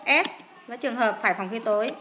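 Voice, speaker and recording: A woman English teacher with a Vietnamese accent, going through exam answers in a lively, coaxing way, asking questions and answering them herself. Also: on the high side, fast talker, noisy background. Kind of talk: classroom-style lesson explaining an exam.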